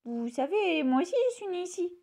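A woman voicing a bold, cheeky young male bird in a children's story, with a high, eager voice. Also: lively intonation, fairly quick, gravelly, warm tone, full character voice.

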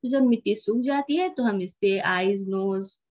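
A woman's voice: medium pitch, measured pace, darkish tone. A woman teaching a lesson to young children, patiently repeating words and explaining each one in English. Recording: dull lo-fi recording.

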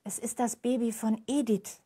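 A woman's voice: fairly high pitch, fairly even intonation, moderate pace, dark tone, husky. Woman reading as an indignant very old lady. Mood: hushed. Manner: reproachful, insistent.

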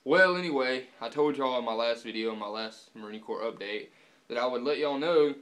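A young man talking casually to camera with dip in his lower lip, laid-back and swearing often, filmed at home with the camera on a subwoofer. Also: moderate pace, a bit bright. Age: young adult. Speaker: vlogger. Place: indoors, room at home.

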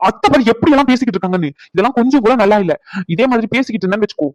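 Cartoon role: man voicing defiant young groom, quick, close dry sound. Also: high-pitched, lively intonation, a little mellow, no echo. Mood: exasperated. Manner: exasperated, protesting. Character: frustrated young groom, protective of bride. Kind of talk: cartoon voice acting.

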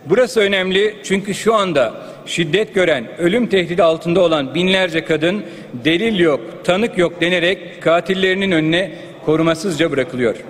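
A man speaks at a rostrum microphone with a slightly high voice, grave and earnest as he delivers a formal speech. His words ring out with a long reverb through a large parliamentary chamber. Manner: earnest, grave, listing figures and names. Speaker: member of parliament.

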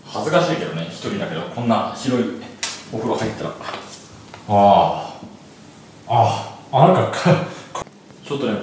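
Guy rambling through a big hotel suite, quick talk, low-ish voice that jumps around, echoey room. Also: a little hiss or hum. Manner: chatty, rambling asides with many fillers. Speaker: travel vlogger. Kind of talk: casual room tour narration. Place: large hotel suite, indoors. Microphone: handheld 360 camera.

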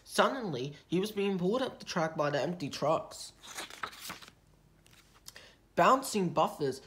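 A woman reading a children's storybook aloud in a steady, expressive way. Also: fairly low pitch, moderate pace, slight background noise.

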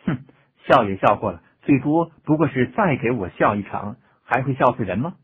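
A man's voice: medium pitch, lively intonation, slightly rough. A man voicing a scornful young village girl. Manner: scornful and quick-tempered. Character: bitter, sharp-tongued young village girl. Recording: tinny phone-like audio.

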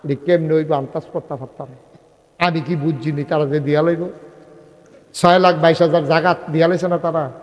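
Speaking briskly, with a high-leaning voice and fairly even intonation, a man preaches a comic Islamic sermon to a religious gathering in a big room. His storytelling is conversational and full of dialogue, and he gets the crowd calling back.

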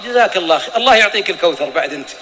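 A man's voice: sits high, expressive, racing, pushed and bright. A male preacher gives an emphatic sermon, asking his listeners pointed questions and acting out short bits of dialogue. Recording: long hall reverb.

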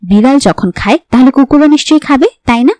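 A woman's voice: high-pitched, animated, brisk, mellow, dry recording, pitched above the performer's own voice. Woman reading as a young wife, strangely gleeful. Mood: cheerful, teasing. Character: young pregnant wife, oddly cheerful.

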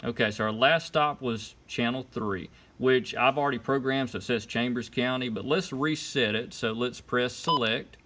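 Sitting at a desk indoors, a man walks through a casual how-to demo, giving brief step-by-step instructions. His voice is mid-range and sharp-toned, at normal speed with hardly any pauses. You can clearly hear clicks and electronic beeps behind him.

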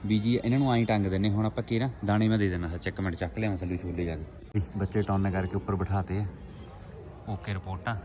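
On a home rooftop, a pigeon-keeping vlogger with a deep voice talks fast in a steady tone, chatting informally to viewers like mates in a rustic, casual vlog. The recording is muffled, with noisy outdoor ambience and birds in the background.

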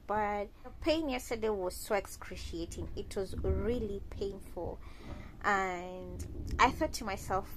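In a casual to-camera vlog, a young Kenyan woman talks chattily from her bed to her "guys," phone held close. Her mid-range voice has a fairly bright tone. The low-quality recording carries a little hiss or hum.

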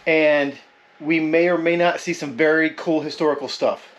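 A man's voice: a little high, fairly even intonation, moderate pace. A man hosting a vlog, chatting casually with playful, joking banter. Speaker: vlog host. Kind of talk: casual chat.

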